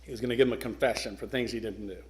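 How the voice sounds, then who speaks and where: A middle-aged man giving an earnest, emphatic speech to a club, pausing for effect and sometimes restarting his sentences. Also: medium pitch, fairly even intonation, a little mellow, a little hiss or hum. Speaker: guest speaker.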